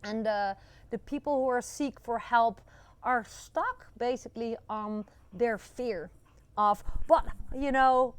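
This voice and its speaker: Outdoors in a rural yard, a Dutch woman in her forties holds a phone camera at arm's length and talks casually to it. Her smooth voice sits on the high side, carries a Dutch accent, and stays encouraging throughout, with plenty of fillers.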